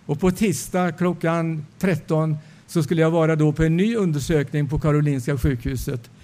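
A man's voice: fairly high pitch, steady tone, mellow. A male preacher giving a sermon testimony, telling the story and acting out the dialogue.

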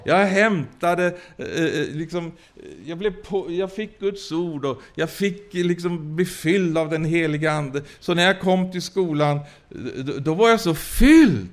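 Here a man gives a sermon woven with his personal testimony, erupting in hallelujahs as he goes. He talks haltingly, restarting often and leaning on fillers, in a voice pitched a little high.

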